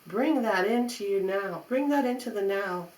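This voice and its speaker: A woman's voice: medium pitch, normal speed, darkish tone. A woman giving an off-the-cuff mystical tarot horoscope reading, repeating phrases in a coaxing, reassuring way. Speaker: tarot reader. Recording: roomy echo, faint background noise.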